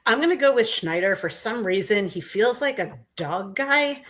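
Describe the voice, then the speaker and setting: Female co-host, mid-pitched voice, casual rapid-fire question-and-answer banter for sports fans. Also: expressive, a bit bright, slight background noise. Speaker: co-host of a sports fan show.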